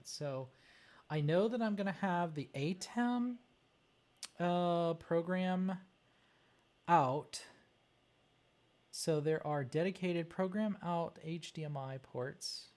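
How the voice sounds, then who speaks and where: Working through a wiring diagram on a livestream, the host talks casually and mutters with hesitation, thinking aloud along the way. Their medium-pitched voice is a little mellow.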